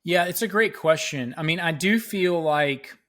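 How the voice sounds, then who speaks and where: Middle-aged man guest, slightly high voice, breaks things down like a teacher. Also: a little slow, a bit bright. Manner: explanatory, breaks ideas into steps like a teacher. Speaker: guest, education entrepreneur. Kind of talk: podcast interview answers.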